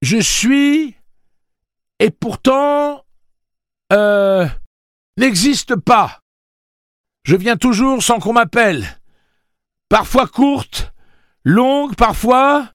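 A man voicing a desperate young woman who shouts urgently at a machine. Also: very high-pitched, lively intonation, drawn-out words, pauses often, dry recording, studio quality, pitched above the performer's own voice, exaggerated voice. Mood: frantic. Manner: frantic, shouting.

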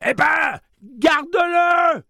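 A man reading an audiobook voicing a furious teenage girl cashier in a shrill, high falsetto. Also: extremely slow, creaky, bright, forceful tone, dry recording, clean studio sound, full character voice.

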